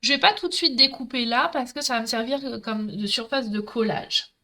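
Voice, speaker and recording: Demonstrating a craft live, this talkative middle-aged woman speaks to her viewers directly in a Marseille accent. She pitches on the high side, keeps a moderate pace, and sounds sharp.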